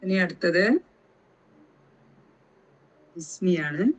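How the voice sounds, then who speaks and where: A woman teaching Quran recitation rules, speaking slowly and deliberately and drawing out each letter sound to show how it is made. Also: on the low side, animated, low-quality recording.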